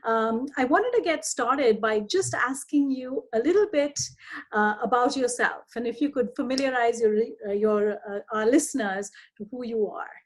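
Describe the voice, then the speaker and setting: A woman's voice: on the high side, moderate pace. A woman hosting a podcast interview, friendly and hesitant, with frequent fillers. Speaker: podcast host, associate dean. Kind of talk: interview conversation.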